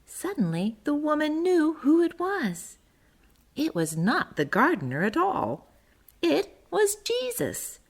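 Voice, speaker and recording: A friendly little garden mole tells a storybook tale in first person, as a woman reads it aloud. The voice swoops and lifts with lots of melody. The storytelling stays slow and unhurried, earnest and curious. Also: high-pitched, voice pushed up, full character voice. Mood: earnest wonder. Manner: expressive, sing-song storytelling. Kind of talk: children's storybook reading.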